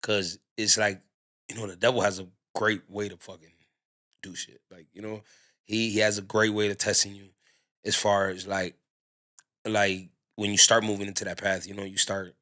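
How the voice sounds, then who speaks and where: Bright-voiced man talking in loose slang. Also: on the low side, level tone, normal speed. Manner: loose street slang, many fillers and restarts. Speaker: restaurant owner, guest. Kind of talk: candid casual conversation.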